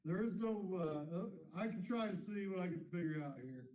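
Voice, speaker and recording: A man's voice: high voice, expressive, a little mellow. A man joining a meeting by remote call, sounding like he is in an echo chamber, speaking hesitantly with restarts. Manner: hesitant, halting speech with restarts. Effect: echoey remote call audio, as if in an echo chamber. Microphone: remote call, computer mic. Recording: echoey, dull remote call line with faint background hum.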